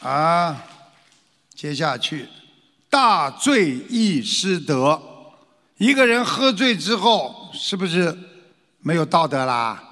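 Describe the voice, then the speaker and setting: A man's voice: a little high, slow, pauses often. A man giving a lecture to followers, asking rhetorical questions and acting out frightened voices. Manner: animated, acts out scared voices and rhetorical questions. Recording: long hall reverb.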